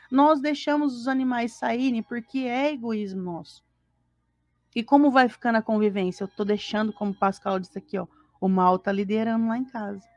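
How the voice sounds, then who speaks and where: A Brazilian woman co-hosting a live-streamed spiritist gospel study from home talks at a moderate pace in a high-leaning, steady, a little mellow voice. She teaches conversationally, with rhetorical questions, acted-out everyday voices and scenes, and sighs of dismay. The sound is lo-fi, with no room sound.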